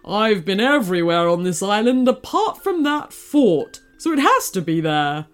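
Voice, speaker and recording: A woman's voice: medium pitch, very animated, a little slow, faint music behind. A woman voicing a small, brave male cotton dog who speaks urgently and emphatically.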